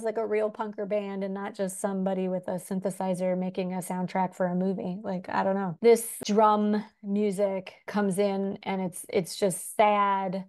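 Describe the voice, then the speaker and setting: A woman co-hosting a casual podcast, retelling a movie with lively, animated storytelling. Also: medium pitch. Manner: animated storytelling, acting out scenes. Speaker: podcast co-host. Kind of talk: casual chat recapping a film.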